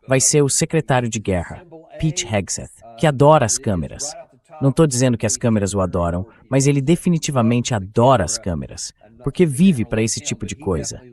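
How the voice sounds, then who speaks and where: With a mid-range, darkish voice and a Brazilian accent, this male political commentator hosts a talk show. He covers the news with strong opinions, bluntness, sarcasm and casual language.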